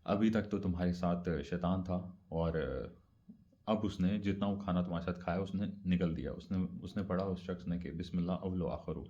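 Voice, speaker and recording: Man, low mellow voice, casual explainer, repeats points, dull lo-fi recording. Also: steady tone. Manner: conversational, repeats points, mixes English words. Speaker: speaker explaining religious practice. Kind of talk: casual religious explainer talk.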